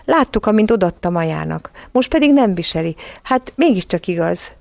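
A woman's voice: fairly low pitch, lively intonation, gravelly, darkish tone, no room sound. A woman voicing an earnest little girl. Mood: insistent. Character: eager young girl.

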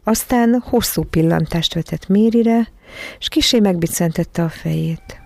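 An audiobook narrator giving a scripted storybook reading in an even, measured way. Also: mid-range voice, gravelly, no echo.

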